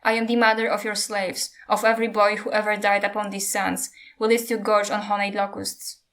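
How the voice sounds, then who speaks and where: Woman voicing a stern young queen, firm, disapproving, mid-pitched, storybook reading. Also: level tone, normal speed, fairly bright tone, natural voice.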